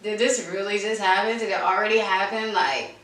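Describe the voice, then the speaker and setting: A woman's voice: mid-range voice, steady tone, fairly quick, fairly bright tone. A woman vlogger telling a story casually to camera, informal and emphatic, repeating herself for emphasis, in a roomy, distant recording. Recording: roomy echo, distant microphone.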